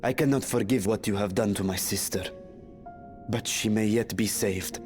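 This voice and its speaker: An actor playing a stern, earnest warrior in a video game, speaking in a formal and resolute manner. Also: male voice, lowish voice, normal speed, darkish tone, natural voice. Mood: stern resolve. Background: game music behind the voice.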